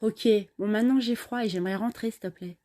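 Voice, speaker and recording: A woman voicing a young female student who is blunt and quick-tempered, with exasperated sighs. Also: fairly high pitch, mellow, lightly acted. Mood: relieved. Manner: exasperated, sighing. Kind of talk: storytelling voice acting.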